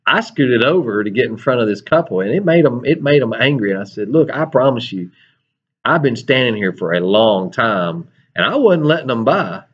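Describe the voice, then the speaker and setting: A man's voice: mid-range voice, normal speed, breathy edge. Storytelling preacher man, muffled audio. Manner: storytelling, animated, with self-deprecating asides. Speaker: preacher and show host. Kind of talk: casual sermon-style chat.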